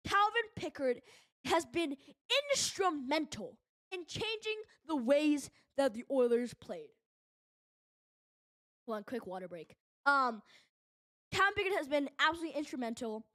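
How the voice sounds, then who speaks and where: A woman hosting a live fan stream, calling hockey play-by-play in a rapid, excited way and rambling in chatty asides. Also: sits high, dry recording, studio quality.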